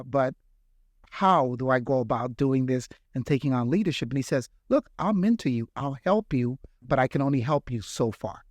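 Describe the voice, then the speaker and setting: A middle-aged healthcare executive from the Bahamas answers interview questions in a mid-range voice, recorded in studio quality with no echo. His responses take the form of earnest, reflective storytelling.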